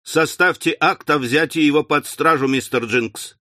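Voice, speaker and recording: A man's voice: a little high, moderate pace, sharp tone, no room sound. Male reader voicing a self-important hothead judge in an audiobook, blustering, dry studio sound. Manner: blustering, bullying. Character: pompous irascible male provincial magistrate. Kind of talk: audiobook character voice.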